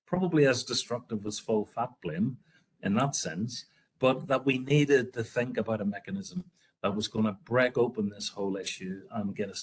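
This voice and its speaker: A man giving a webinar presentation on organisational culture, speaking in a measured, reflective way with occasional hesitations. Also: fairly low pitch, slightly rough. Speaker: healthcare leader presenting.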